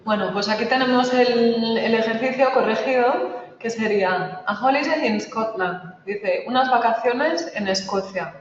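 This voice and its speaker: A man's voice: extremely high pitch, unhurried, a little hiss or hum. A man teaching an English grammar lesson, explaining step by step and checking in with a frequent "ok?". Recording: echoey, dull, distant lo-fi room recording.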